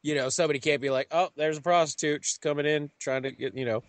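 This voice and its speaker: A man with a slightly higher voice, cracking crude jokes in casual podcast banter. The sound is dry and close, with no room around him. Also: steady tone, fast talker, dry recording. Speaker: podcast co-host.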